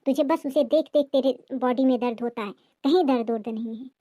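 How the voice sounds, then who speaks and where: Cartoon mother-in-law, middle-aged and harsh, keeps scolding; a woman voices her high and dry. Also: fairly quick, mellow, no echo, lightly acted. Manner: scolding, accusing. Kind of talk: cartoon family drama voicing.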